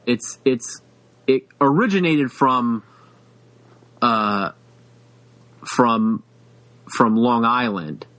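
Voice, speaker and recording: A man's voice: medium pitch, a bit bright, rough recording. A man co-hosting a podcast, chatting casually with lots of fillers and restarts. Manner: halting, many fillers and restarts, laughs often. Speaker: podcast co-host. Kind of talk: casual chat.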